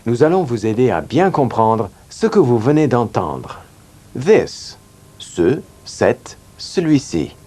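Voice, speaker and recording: A man teaching English in a scripted lesson, drilling words slowly and clearly. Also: medium pitch, big pitch swings, mellow, a little hiss or hum. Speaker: language teacher.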